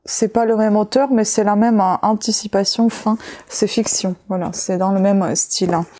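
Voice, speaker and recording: A woman vlogger chatting casually as she shows and names the books she found, talking slowly with many fillers and pauses. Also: medium pitch, steady tone, mellow, a little hiss or hum. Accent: French-speaking with a non-native accent. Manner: slow, hesitant listing with many fillers. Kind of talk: casual haul video chat.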